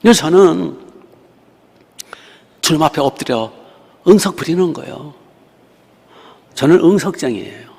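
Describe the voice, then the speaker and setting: Gravelly, dramatic male pastor preaching. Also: fairly high pitch, lively intonation, unhurried, pauses often. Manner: emotional, dramatic preaching with sudden loud outbursts. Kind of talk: sermon. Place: church sanctuary. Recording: reverberant church hall.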